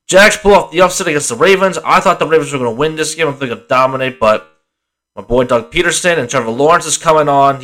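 Sleepy young guy rambling through his podcast, swears a lot, keeps restarting, middle-pitched voice. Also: a bit bright. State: tired, yawning. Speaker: podcast host. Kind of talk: casual solo sports podcast.

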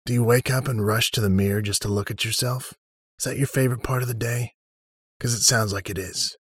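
A man's voice: mid-range voice, fairly even intonation, a little fast, a bit bright, slightly rough, no room sound, clean studio sound, pitched above the performer's own voice. Man doing a cocky, taunting young hero. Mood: mocking. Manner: mocking, sarcastic, defiant. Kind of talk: audiobook character reading.

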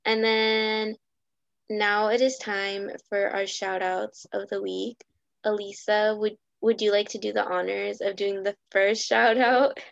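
A woman's voice: medium pitch, level tone, unhurried, creaky, dry recording. A young woman co-hosting a podcast in casual chat, rambling with many fillers. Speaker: podcast co-host. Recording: dull lo-fi sound.

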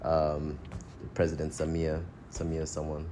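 Very deep-voiced man, rambling podcast chat. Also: monotone, measured pace, background noise. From Tanzania. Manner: rambling, restarts often, chuckles between thoughts. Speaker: podcast co-host. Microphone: phone.

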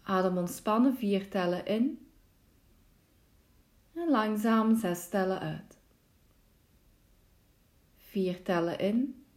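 Calm, soothing and measured, a woman's instructions lead a guided relaxation meditation. She works as a yoga nidra instructor and has a mid-range voice.

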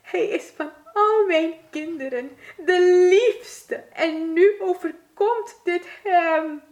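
A weeping mother mouse in a children's storybook, her crying voice high and strained. She wails slowly, drawing out each word in a thin, altered tone. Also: echoey room. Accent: Surinamese Dutch.

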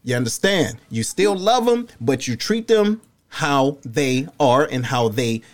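Emphatic man with a lively voice. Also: mid-range voice, measured pace. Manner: preachy, emphatic, asks "you understand?". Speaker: podcast co-host. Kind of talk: casual talk-show advice.

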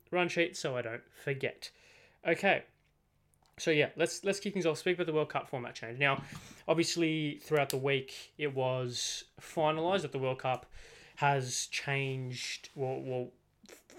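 Teenage lad with a slight lisp. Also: male voice, mid-range voice, fairly bright tone, clean tone. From Australia. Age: teens. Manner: rambling, self-correcting, chatty. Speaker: podcast host. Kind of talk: casual solo football podcast. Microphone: desk microphone.

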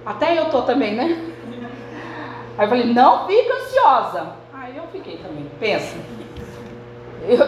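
A woman's voice: high voice, slight background noise. A woman pastor, preaching a sermon in a chatty way and often turning to the congregation. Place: church hall. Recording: echoey church hall, faint ambience.

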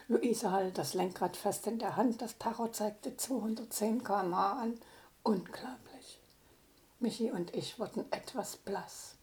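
Older woman, grandmother reading her own tale, unhurried and soft-toned. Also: mid-range voice. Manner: calm, unhurried storytelling. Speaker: grandmother storyteller.

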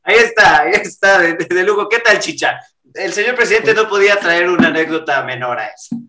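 A man's voice: high voice, animated, brisk, pushed and bright, reverberant. A man hosting a radio interview, upbeat and full of praise. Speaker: radio show host.

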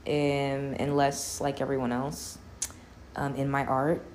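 A young adult woman hosting a solo podcast, rambling casually with lots of fillers, cussing and quick laughs. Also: extremely low pitch, little pitch movement, darkish tone, slight background noise. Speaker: podcast host.

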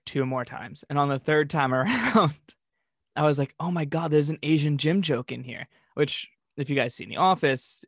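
A man's voice: medium pitch, fairly bright tone, no echo, clean studio sound. A man co-hosting a podcast, bantering and telling stories casually with wry, self-deprecating humor. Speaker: podcast co-host. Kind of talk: casual comedic storytelling and banter.

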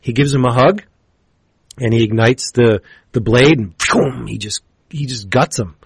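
A man co-hosting a comics podcast, retelling a story in a casual, animated way and acting out the characters' lines. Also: mid-range voice, unhurried, husky, no room sound. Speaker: podcast co-host reviewing comics.

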